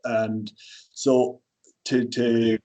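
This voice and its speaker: This podcast guest is an Irish personal trainer in his thirties who talks casually and rambles, with many fillers and restarts. His mid-range voice is flat and dark and his delivery extremely slow, on a low-quality recording.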